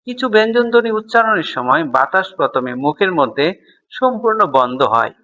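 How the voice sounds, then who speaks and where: A man's voice: sits high, big pitch swings, fairly quick, bright, forceful tone, muffled recording. A man teaching a school grammar lesson, explaining step by step and answering his own questions.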